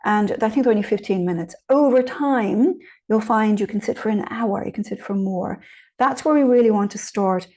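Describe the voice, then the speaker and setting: Speaking at normal speed with a medium-pitched, darkish voice, a woman offers informal guidance on meditation. She answers questions warmly in conversation and checks in with listeners often.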